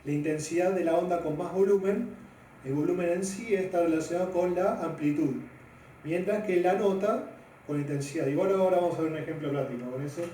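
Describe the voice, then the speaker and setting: Guy teaching physics, lots of ums, mellow tone, super echoey room, mic kinda far off. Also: brisk, slight background noise. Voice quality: deep-voiced by his own account. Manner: loose, hesitant explaining with many fillers. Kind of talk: spoken physics lesson.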